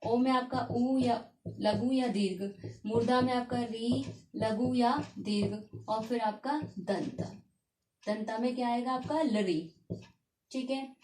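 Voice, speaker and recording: Lady teacher going over stuff, repeats every term twice, kinda high voice, roomy echo. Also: slow, darkish tone. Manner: repeats key terms and asks herself questions. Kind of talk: classroom-style lesson. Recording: echoey room.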